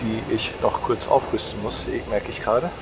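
Gravelly man, casual game commentary. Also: mid-range voice, fairly even intonation, fairly quick, muffled recording. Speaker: host. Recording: clear background train simulator noise. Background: train simulator ambience.

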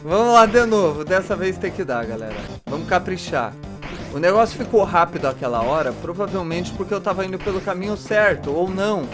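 A man doing let's play commentary, excitable, yelping and shrieking in panic as he plays. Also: high voice, a little fast, over music. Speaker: gamer.

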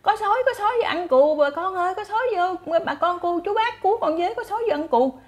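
Storybook shepherd boy, small and frantic, shrieking high, as a woman puts him on. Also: expressive, quick pace. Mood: pleading. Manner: shrill desperate shouting. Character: panicked young shepherd boy crying wolf.

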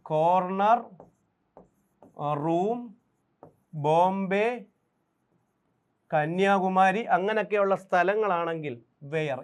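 A man with a Malayali accent, a native Malayalam speaker, teaching English grammar for exams, drilling examples and asking quick questions. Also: high-pitched. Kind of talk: exam-prep grammar lesson.

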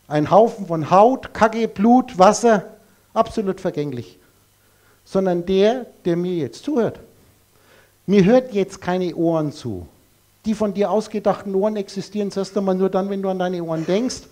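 A man's voice: sits high, moderate pace, a little mellow. A man giving a live lecture to an audience in a blunt, emphatic way, full of rhetorical questions.

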